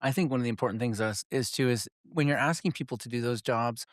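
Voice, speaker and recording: A man co-hosting a podcast discussion, speaking in a measured, hesitant way with fillers. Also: mid-range voice, no room sound, studio quality. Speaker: podcast co-host.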